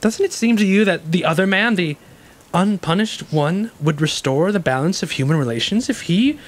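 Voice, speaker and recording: In an audio stage play, a male actor portrays a bitter, wounded ex-convict, intense and cunning, speaking in a dramatic, halting, emphatic way. His voice is high-pitched with lively intonation, and the mood is shrewd and pressing. Rainy ambience and faint noise sit behind him.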